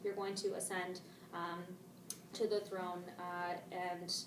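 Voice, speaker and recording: A woman's voice: lowish voice, little pitch movement, slow pace. Woman, teacher, casual discussion, slangy paraphrasing, echoey room, distant mic. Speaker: English teacher. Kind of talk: model discussion of a play. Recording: roomy, distant mic, faint noise.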